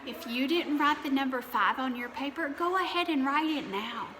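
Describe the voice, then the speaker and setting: A woman with a high-pitched voice talks at a normal speed as she teaches little children to count, addressing them directly and warmly encouraging them. The background is noisy and the room reverberates.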